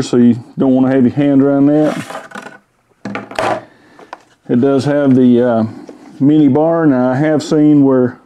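A man in his fifties talks through a tool in his home garage, his voice mellow and warm. He rambles in an easygoing, folksy way, pausing on fillers as he goes. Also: medium pitch, muffled recording. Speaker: tool reviewer. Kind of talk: casual product review. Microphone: camera-mounted mic.

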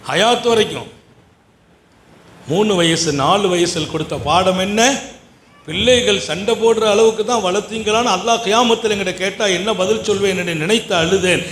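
High-voiced man preaching in an echoey hall. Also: a little hiss or hum. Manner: swings between soft storytelling and loud, rising exhortation. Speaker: Islamic preacher. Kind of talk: sermon.

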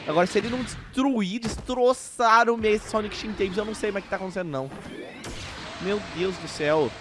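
A Brazilian man hosting a reaction video, chatting casually and bursting into excited exclamations and shouts. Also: sits high, brisk, noisy background.

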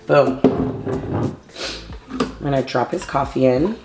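A young lifestyle vlogger chats to the camera from her home kitchen, bubbly and talkative, calling her viewers babes and honey. Her voice is extremely low and slow, and the echoey room has soft music playing behind her.

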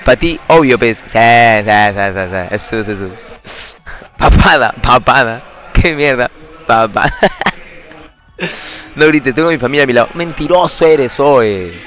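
A man's voice: mid-range voice, lively intonation, unhurried, fairly bright tone, faint music behind. A young man with a Peruvian Spanish accent, streaming live and chatting casually with jokes, teasing and a lot of laughter. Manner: joking, teasing banter with frequent laughter.

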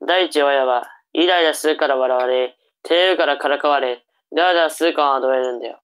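A woman's voice: sits low, fast, smooth, close to an everyday voice, rough recording. A woman voicing a cocky, teasing young older brother in a comic tongue-twister reading drama.

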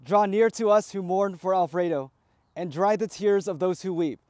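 A man, a priest, reciting the prayers of a graveside funeral rite in a measured liturgical cadence. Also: high-pitched, darkish tone, no room sound, studio quality.

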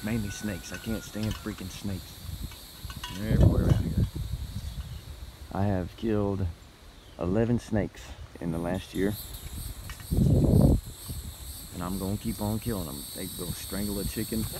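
A man's voice: lowish voice, steady tone, a little slow, pauses often. A man chatting casually outdoors in a rural pasture, talking to his goats in playful baby talk and to the camera. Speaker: goat keeper vlogger. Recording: loud outdoor background noise, insects. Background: crickets and insects in open country.

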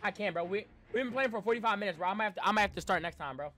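A young man with a high, bright voice talks in rapid-fire bursts with a forceful tone over a faint hiss or hum. He's live-streaming a horror game, reacting and chatting with viewers in casual slang while repeating exasperated pleas. His voice sounds strained, like he's losing it, and he keeps clearing his throat.

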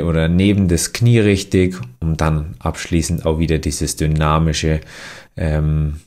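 A young man giving relaxed voice-over instructions for a mobility workout, with many fillers and restarts. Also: a bass voice. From Germany. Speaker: athlete demonstrating exercises.

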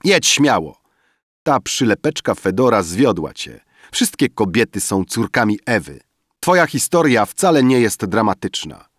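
A man's voice: lowish voice, very animated, unhurried, dry recording, clean studio sound, pitched above the performer's own voice. An actor playing a mocking young poet who teases his drunken friend in an audiobook reading. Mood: teasing. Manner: teasing, sardonic.

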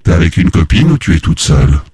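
A man putting on a deep, breathy voice to play a menacing, seductive male vigilante, talking slowly and suggestively. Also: very animated, a little mellow, no echo, exaggerated voice. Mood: teasing. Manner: slow, suggestive and teasing.

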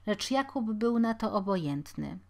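A woman reading a classic novel aloud as an audiobook narrator, in a measured, expressive way. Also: medium pitch, gravelly. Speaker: audiobook reader.

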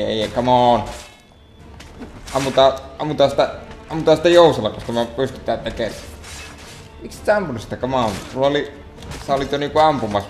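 A man giving gameplay commentary as a let's play host, muttering and grumbling at the game in an exasperated way. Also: mid-range voice. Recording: echoey room.

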